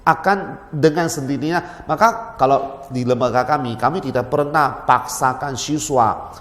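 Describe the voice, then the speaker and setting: A man who runs and teaches at a language school, explaining his method, animated and repeating words for emphasis. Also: mid-range voice, unhurried. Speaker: Mandarin teacher and school head. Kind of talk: explaining in an interview. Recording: roomy with long reverb.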